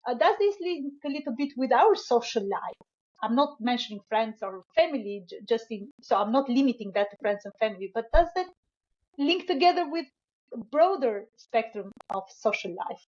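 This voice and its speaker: Higher-voiced woman host, dull sound. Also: lively intonation, normal speed, a little mellow. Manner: friendly, inquisitive, rephrasing her questions. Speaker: podcast host. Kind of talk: podcast interview.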